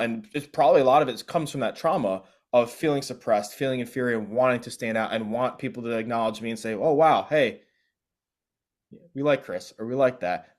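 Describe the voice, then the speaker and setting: A man, a DJ guest speaking earnestly and reflectively, often restarting his phrases. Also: medium pitch. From South Korea. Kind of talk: casual interview chat.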